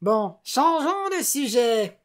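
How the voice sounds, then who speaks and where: High-voiced playful woman host. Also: very animated, slow pace. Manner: theatrical, playful, talks to the crew. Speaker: film show host. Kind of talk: comic film chat.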